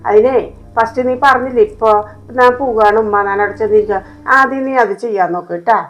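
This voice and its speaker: A woman's voice: on the high side, quick pace, faint music behind, lightly acted, poor audio. A woman playing a harsh, sarcastic stepmother in an amateur family short film. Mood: scornful. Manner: scolding, scornful, sarcastic.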